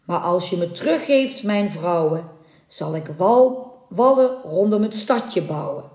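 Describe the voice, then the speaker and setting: A woman's voice: expressive, measured pace, darkish tone. A woman voicing a grieving old merman. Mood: cursing. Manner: pleading, then booming curses. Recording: roomy echoing room.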